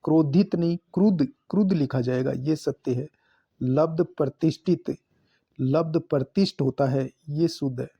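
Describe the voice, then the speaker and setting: A man teaching a spelling lesson for exam prep, slowly repeating each word and marking it correct. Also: fairly high pitch, steady tone, creaky, warm tone, breathy edge, muffled recording.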